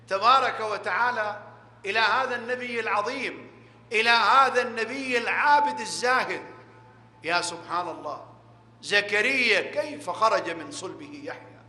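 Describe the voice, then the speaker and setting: High, bright-voiced male preacher in echoing hall. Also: normal speed. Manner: colloquial preaching, rhetorical questions, swings between loud and hushed. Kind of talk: Ramadan night sermon. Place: large prayer hall. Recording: echoey hall with long reverb.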